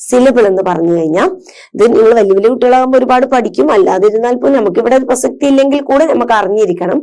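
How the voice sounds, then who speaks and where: A woman's voice: a little high, quick pace, dark tone. A woman teacher patiently explaining grammar to children, asking and answering her own questions. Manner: patient, asks and answers her own questions, mixes English terms into Malayalam.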